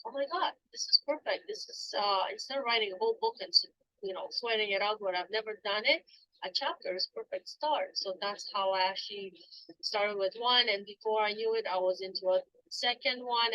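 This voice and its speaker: Bright-voiced woman, halting. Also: mid-range voice, no echo. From Poland. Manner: hesitant, many ums and restarts. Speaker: guest author and coach. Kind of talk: casual interview answers. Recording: dull lo-fi dry sound.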